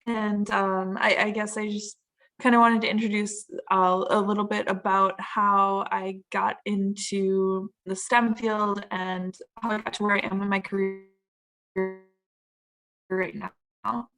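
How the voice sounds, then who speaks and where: A woman from Minnesota talking over a video call that keeps breaking up into choppy, glitchy audio. Her voice is gravelly, with a lot of fry. She speaks at a mid pitch in a hesitant way, full of fillers and restarts. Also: little pitch movement, a little slow, a bit bright, rough recording. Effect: choppy audio that keeps cutting out. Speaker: panel speaker. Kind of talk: casual talk on a video call.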